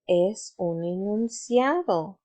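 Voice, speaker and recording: Slow, patient woman teacher. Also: medium pitch, lively intonation, mellow. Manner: patient, asks pupils to repeat words after her. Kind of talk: slow, deliberate grammar lesson for children.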